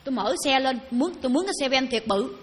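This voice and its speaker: A woman's voice: sits high, animated, racing, long reverb tail. A woman telling a story in the voice of a distressed man in his seventies who is pleading for help against spirits. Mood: excited. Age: 70s. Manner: pleading, agitated.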